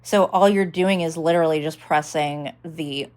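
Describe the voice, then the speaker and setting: A woman's voice: low-pitched, steady tone, moderate pace, a little mellow. A woman vlogger giving a casual tech demonstration, rambling with lots of fillers.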